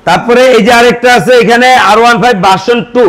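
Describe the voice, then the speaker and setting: High-voiced Bangladeshi used-bike salesman. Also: fast talker, fairly bright tone. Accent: Bangladeshi Bengali. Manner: salesman's patter, listing features and prices item by item. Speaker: used motorbike seller. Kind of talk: showroom sales pitch.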